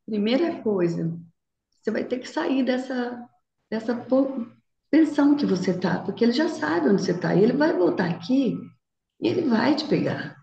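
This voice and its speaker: A woman voicing a calm, protective male friend who gives quiet, earnest warnings. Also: on the high side, normal speed, gravelly, reverberant, dull audio, pitched above the performer's own voice.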